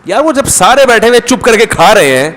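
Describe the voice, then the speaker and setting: A man giving a conversational religious lecture, telling stories and acting out the people he quotes. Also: very high-pitched. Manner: storytelling, animated, acts out quoted people. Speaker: Islamic scholar giving a talk. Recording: long hall reverb.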